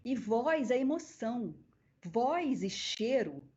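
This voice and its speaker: A woman with a Brazilian accent, a guest voice actress on a podcast, telling stories in an animated way. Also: on the high side, slow pace, husky. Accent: Brazilian Portuguese. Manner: animated storyteller, acting out quoted voices. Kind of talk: casual interview storytelling. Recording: dull lo-fi podcast audio.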